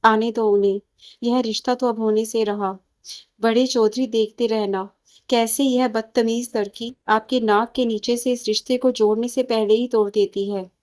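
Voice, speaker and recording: A woman voicing a defiant, sharp-tongued young woman. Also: fairly high pitch, steady tone, moderate pace, close to an everyday voice. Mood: scheming. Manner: taunting, firm.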